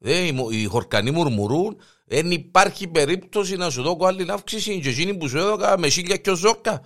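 An exasperated Cypriot village headman, lecturing in a raised, scolding voice, as a man puts him on in a joke. His pitch is high and swings widely. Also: animated. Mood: weary refusal. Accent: Cypriot Greek. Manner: lecturing, rising to loud scolding.

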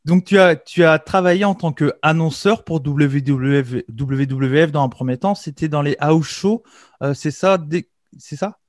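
A man's voice: on the high side, measured pace, no room sound, studio quality. Hesitant French host in his thirties. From France. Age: 30s. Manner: hesitant, filler-heavy, eager. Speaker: podcast host, commentator. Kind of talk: interview hosting.

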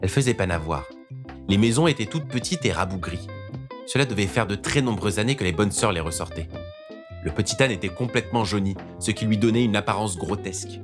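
A man narrating a scripted audiobook story in a calm storytelling manner. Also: fairly low pitch, fairly quick, over music.

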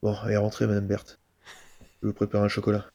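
A man's voice: fairly low pitch, monotone, quick pace, dark tone, lo-fi sound. A man playing a small-town frontier grocer who frets aloud in mumbled, worried questions. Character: old-west village grocer, fretting about the rain.

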